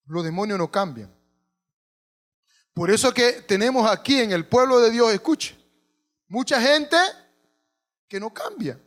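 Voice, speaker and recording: A man's voice: sits high, animated, measured pace, pauses often, fairly bright tone. A male pastor, preaching a sermon and putting questions to the congregation.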